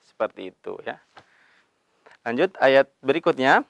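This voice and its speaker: A man's voice: mid-range voice, big pitch swings, gravelly, dry recording. Dry-voiced man teaching Quran recitation. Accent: Indonesian. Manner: slow drawn-out recitation of verses between brisk explanations; calls himself Abi, patient instructive tone. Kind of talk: recitation lesson with chanted examples.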